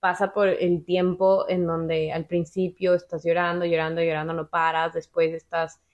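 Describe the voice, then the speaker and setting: A woman's voice: on the low side, little pitch movement, normal speed, dull audio. A woman in her thirties, a podcast guest, talking reflectively in casual chat and repeating words for emphasis. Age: 30s.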